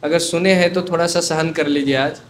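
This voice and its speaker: A man preaching a sermon, telling a story in an animated way and mixing in English phrases. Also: a little high, a little fast.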